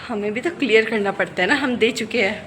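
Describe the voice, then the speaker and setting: Young adult woman, vlogger, casual and chatty, a touch high-pitched, given to griping. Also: quick pace, noisy background. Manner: chatty, complaining rants. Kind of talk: casual day-in-my-life vlog.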